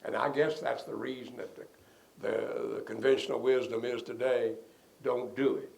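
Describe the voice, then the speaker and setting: Older male lawyer, gravelly voice, folksy anecdotal interview delivery. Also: medium pitch, normal speed. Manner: rambling, relaxed storyteller who chuckles at his own stories. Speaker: defense lawyer being interviewed.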